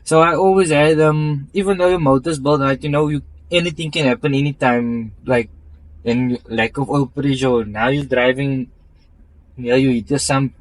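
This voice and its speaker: Halting man explaining his car. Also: mid-range voice, poor audio. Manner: halting, full of restarts and fillers, technical. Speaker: car owner showing his build. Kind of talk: casual interview.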